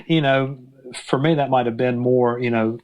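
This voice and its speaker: A man's voice: medium pitch, steady tone, moderate pace, dull audio. A man from Mississippi, a guest in a conversational interview, who hesitates and restarts often while searching for words.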